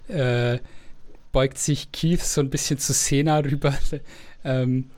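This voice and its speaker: A man's voice: medium pitch, steady tone, darkish tone. A man in a mid-range voice runs a tabletop role-playing game. He narrates unhurriedly and casually, stopping often to find the right word. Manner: halting, searching for words while describing scenes. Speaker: game master.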